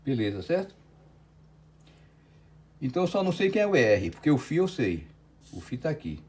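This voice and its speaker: Mellow-voiced Brazilian physics teacher. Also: male voice, mid-range voice, sing-song, normal speed. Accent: Brazilian Portuguese. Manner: step-by-step, thinking aloud, checking with "né?" and "certo?". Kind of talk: online lecture working problems on a board.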